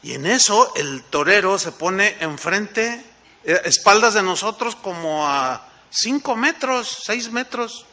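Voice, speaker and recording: A Mexican man preaching a sermon in a high, piercingly bright voice. He tells stories with animation and keeps asking the congregation questions. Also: takes it slowly. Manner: animated storytelling with rhetorical questions. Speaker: pastor.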